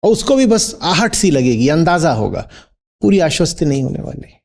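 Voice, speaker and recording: Gravelly man giving a spiritual discourse. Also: on the high side, big pitch swings, moderate pace, a little mellow. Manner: rhetorical questions, checks listeners with "hmm?". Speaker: spiritual teacher.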